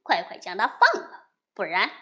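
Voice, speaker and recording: Brash male monkey king, played by a woman: loud, defiant, animated, storybook tone. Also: mid-range voice, moderate pace, pitched below the performer's own voice.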